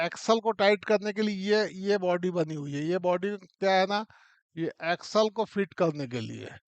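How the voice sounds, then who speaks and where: A man teaching mining, explaining a model step by step in a relaxed classroom way and often checking in with the listener. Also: sits high, clean tone, no room sound.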